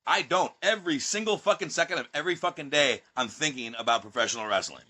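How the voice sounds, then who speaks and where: A man's voice: fairly high pitch, lively intonation, fast talker, pushed and bright. A man in his thirties talking in a casual podcast chat, brash, profane and boastful. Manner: brash, profane and boastful, with mocking put-on voices. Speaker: guest, pro wrestler.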